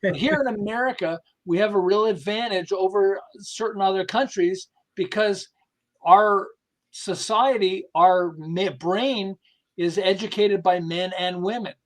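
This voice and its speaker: Speaking in a high-pitched voice, this man is a behavioral management specialist guesting on a podcast conversation. He leans on anecdotes to make his points, animated, though he keeps stopping and restarting his sentences.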